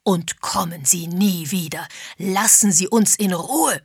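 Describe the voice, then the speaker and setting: A woman reading an audiobook, voicing a gruff, hostile husband who snaps and shouts. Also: on the low side, takes it slowly, no room sound, studio quality, full character voice. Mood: furious. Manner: snapping and shouting. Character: gruff, hostile older husband, curt and furious.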